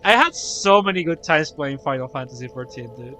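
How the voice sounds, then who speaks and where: A man's voice: on the high side, lively intonation, brisk, sharp tone, a little hiss or hum. Laughing, swearing young man streamer. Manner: laughing, profane, rambling storytelling. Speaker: gaming streamer. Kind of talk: casual chat while playing.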